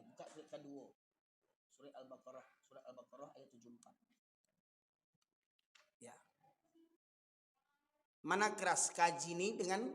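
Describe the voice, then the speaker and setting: A man with a Minangkabau accent preaching a sermon, fiery and emphatic, often surging to loud peaks. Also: a little high. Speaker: Islamic preacher. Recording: long echoey hall reverb.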